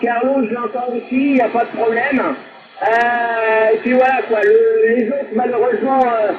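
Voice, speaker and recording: A man's voice: very high voice, level tone, normal speed. A man chatting over a CB radio link as an operator, hesitant, with lots of fillers as he passes the turn on. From France. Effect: heard over a CB radio link. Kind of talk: casual radio chat passing turns. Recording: tinny CB radio with loud crowd noise.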